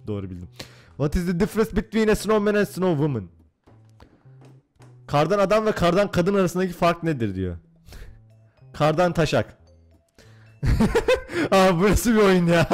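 A young man giving excitable let's-play commentary on a game, laughing and swearing often. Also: medium pitch. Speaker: gaming YouTuber.

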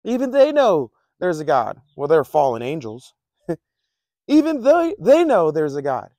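A man's voice: fairly high pitch, huge pitch swings, a little slow, warm tone, dry recording. A man preaching a casual, conversational sermon, often repeating himself and chuckling between points. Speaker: pastor.

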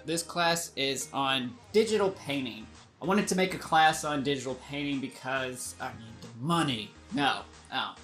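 A man's voice: mid-range voice, normal speed, faint music behind. A man teaching a beginner's digital painting lesson in a casual, rambling way, joking at his own expense and often stumbling over his words. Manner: self-deprecating, distracted, stammers and restarts; yells at noises in outbursts. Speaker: online art teacher.

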